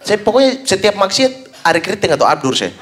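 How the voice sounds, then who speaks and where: Lively high-voiced comedian. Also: male voice, a little fast. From Papua, Indonesia. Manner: animated storytelling, acts out high shouted voices of fans. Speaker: stand-up comedian. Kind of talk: stand-up comedy. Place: stage before a live audience.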